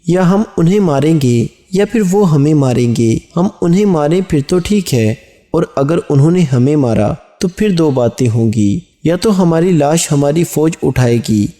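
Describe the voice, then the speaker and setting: A man's voice: on the high side, lively intonation, warm tone, lightly acted. A man voicing an anxious young village man who reasons through every outcome in a long chain. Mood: fretting.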